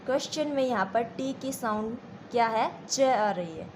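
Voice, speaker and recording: A woman's voice: fairly high pitch, expressive, slight background noise. A woman teacher with an Indian accent giving a classroom lesson, repeating points and asking the students if they follow. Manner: slow and repetitive, checks understanding with questions.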